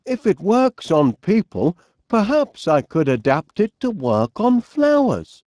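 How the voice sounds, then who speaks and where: An actor voices a polite, bumbling, eager inventor with a Northern English accent in an animated video game, fussily courteous, hesitant, and full of quaint phrases. The high male voice sounds puzzled and musing, fully in character, in a dry, studio-quality recording.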